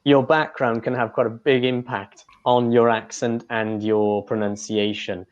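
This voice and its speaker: A man's voice: mid-range voice, flat delivery, measured pace, highs cut off. A man from Wales, an English tutor, answering interview questions in a chatty, casual way with many fillers.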